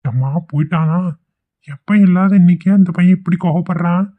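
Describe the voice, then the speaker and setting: Male actor for a gossiping older village husband with a Kongu Tamil accent, slightly high voice, lo-fi phone sound. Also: steady tone, normal speed, natural voice. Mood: grumbling. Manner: grumbling, gossiping. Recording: tinny lo-fi phone-like audio.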